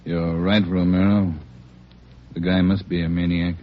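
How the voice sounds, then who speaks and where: An actor playing a police chief of detectives who gives brisk commands, on a muffled vintage radio broadcast. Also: male voice, sits low, level tone, very noisy. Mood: commanding. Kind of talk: 1950s radio drama acting.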